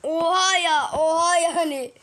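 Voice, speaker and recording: A woman voicing several characters in a game video, excitable and teasing, full of exclamations. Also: extremely high pitch, a little slow, a little hiss or hum. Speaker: gaming video creator.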